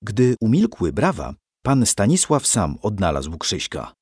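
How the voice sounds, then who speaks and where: A man narrating a story for young listeners in an expressive way, acting out the characters. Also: lowish voice, unhurried, husky, no echo, clean studio sound.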